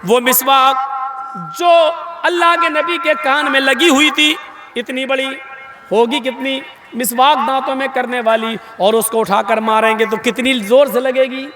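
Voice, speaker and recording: High bright-voiced man preaching in a hall. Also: fairly even intonation. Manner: dramatic storytelling, voices the people in his stories; rises to shouts for emphasis. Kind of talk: Urdu sermon. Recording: echoey hall sound system.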